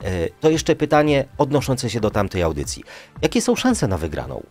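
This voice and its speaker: A man's voice: medium pitch, huge pitch swings, normal speed, a little mellow, faint music behind. A man hosting a radio talk show, asking leading questions and summing up what guests say. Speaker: radio host. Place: radio studio. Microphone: studio mic with headphones.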